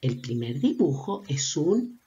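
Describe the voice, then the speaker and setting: A woman teacher gently leading a slow vowel lesson for preschool children, asking them questions and praising them. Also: low voice, very animated, slightly rough, dull audio. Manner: affectionate, encouraging, asks children questions. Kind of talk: slow, sing-song lesson for young children.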